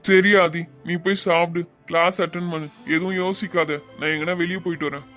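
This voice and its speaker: A man's voice: a little high, steady tone, brisk, bright, forceful tone. Man doing a loyal young buddy, cartoon, blunt, teasing, music behind. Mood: soothing.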